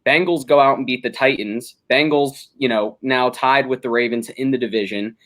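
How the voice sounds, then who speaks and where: A young man with a medium-pitched, fairly bright voice hosts a casual sports podcast at a normal speed. He breaks down games analytically, often saying "um" and restarting his sentences.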